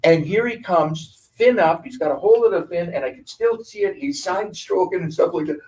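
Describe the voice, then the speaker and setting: An older man from Wisconsin, appearing as a guest speaker, gives a storytelling talk, animatedly acting out the voices of the people in his lively tales. His voice sits high, he speaks at normal speed, and he is recorded from a distance.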